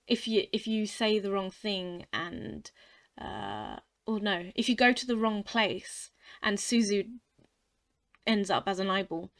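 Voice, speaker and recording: A woman's voice: on the high side, a bit bright. A young woman hosting a gaming channel, chatting casually and rambling through her opinions, often repeating words as she thinks aloud. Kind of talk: casual chatty tier-list commentary.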